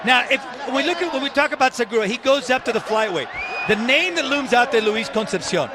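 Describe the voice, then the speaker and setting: A man's voice: very high voice, animated, brisk. A man calling a boxing match live, with emphatic, dramatic phrasing. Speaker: play-by-play boxing commentator. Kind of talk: live sports commentary. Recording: loud crowd and arena noise behind.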